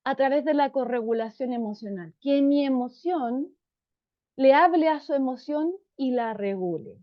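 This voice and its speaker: A woman psychologist explains things to parents in a warm, calm, unhurried tone, often checking in with them. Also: high-pitched. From Chile. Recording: dull lo-fi sound.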